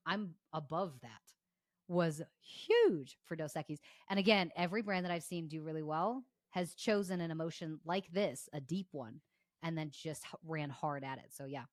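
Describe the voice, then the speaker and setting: A woman's voice: fairly low pitch, no room sound, clean studio sound. Upbeat woman explaining on a podcast. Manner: enthusiastic, fast-flowing explanations with frequent laughs. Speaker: guest, consumer behavior strategist. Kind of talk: casual podcast interview.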